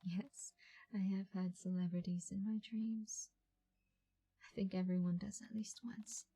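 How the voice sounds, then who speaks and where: Slow, breathy woman in ASMR role-play. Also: mid-range voice, fairly even intonation, dark tone. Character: patient, reassuring dream call center agent. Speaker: call center agent in a role-play. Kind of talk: soft ASMR.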